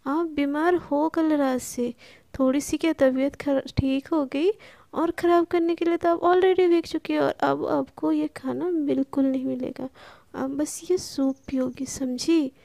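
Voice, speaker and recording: A woman's voice: high-pitched, fairly even intonation, a little slow, vocal fry, dark tone, no room sound. A woman voicing a caring but bossy young woman who scolds and teases in a firm, sometimes half-whispered voice.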